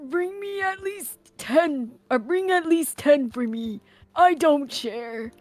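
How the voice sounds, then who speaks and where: A woman's voice: high voice, lively intonation, a little mellow, no room sound, soft background music, voice pushed up. Woman putting on a bossy male police contact. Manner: curt orders, drawn-out lines. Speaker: streamer reading game lines aloud.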